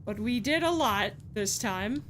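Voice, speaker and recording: A woman's voice: medium pitch, animated, unhurried, a bit bright, slight background noise. A woman streamer commentating a puzzle game live, swearing and pleading in frustration.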